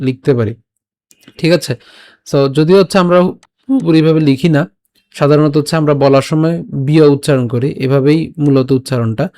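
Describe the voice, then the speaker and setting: A man's voice: on the high side, warm tone. A man with a Bengali accent teaching pronunciation of scripture verses, breaking words into syllables and checking in with his students. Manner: slow, syllable-by-syllable pronunciation drills with frequent checks. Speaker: Gita recitation teacher. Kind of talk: pronunciation lesson.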